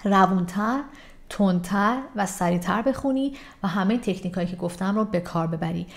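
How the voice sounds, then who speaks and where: A woman giving a casual English lesson, explaining quickly and slowing down to model example sentences. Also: mid-range voice, creaky. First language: Persian. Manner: explains lively, slows down to model English phrases. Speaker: English teacher.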